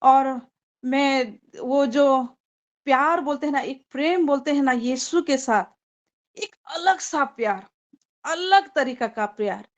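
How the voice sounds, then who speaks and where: A woman giving a heartfelt spoken testimony at a church fellowship. She talks earnestly and gratefully, with frequent filler pauses, and grows excited as she tells her story. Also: high voice, highs cut off. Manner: earnest, thankful, often pausing with fillers; grows excited and loud when retelling a vision.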